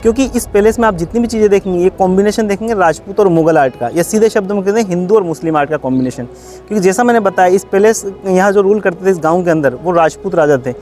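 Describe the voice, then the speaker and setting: A man's voice: sits high, fast, darkish tone, soft background music. A man working as a tour guide, explaining things to visitors outdoors in a chatty, lecturing way. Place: outdoors at a historic palace.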